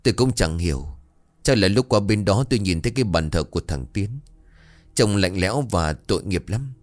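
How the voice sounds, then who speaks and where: A man's voice: low voice, animated, fairly quick, no echo. A man voicing an uneasy older village husband who talks hesitantly. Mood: troubled.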